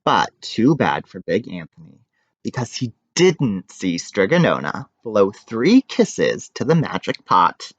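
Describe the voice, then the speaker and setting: Speaking slowly in a lowish voice, a man reads aloud from a children's picture book. He gives the story an expressive telling, adding offhand remarks along the way, and the recording sounds muffled and echoey.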